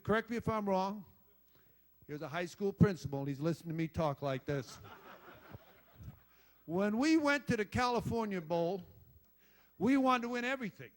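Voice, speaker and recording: Older man, high-ish voice, profane, blunt former coach telling war stories at a dinner. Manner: blunt, salty storyteller, swears and jokes with the crowd. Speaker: former football head coach giving induction speech. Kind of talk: rambling after-dinner speech with stories.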